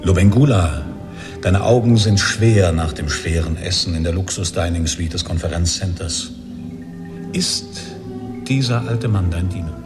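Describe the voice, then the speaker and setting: A man playing an ecstatic, preaching master of ceremonies in a radio play, his delivery incantatory and rising from hushed to exultant. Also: deep voice, a little slow. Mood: questioning. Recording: loud music behind.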